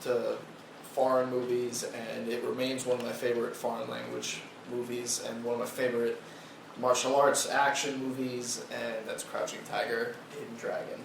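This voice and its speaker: A man co-hosting a casual film chat, laid-back and quick to laugh. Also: medium pitch, little pitch movement, gravelly, far from the mic. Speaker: podcast co-host. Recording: echoey room, noisy, off-mic.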